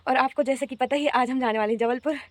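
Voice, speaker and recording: A woman's voice: sits high, steady tone, fast. A young woman chatting playfully in a casual daily vlog, laughing often, recorded outdoors on a handheld phone. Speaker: vlogger. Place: outdoors at home and by a road.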